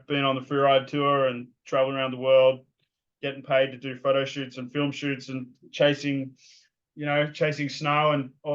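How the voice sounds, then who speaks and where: In a casual interview, an Australian-accented guest rambles loosely through his story, full of ums and restarts. He has a mid-range, slightly bright voice, heard through dull audio.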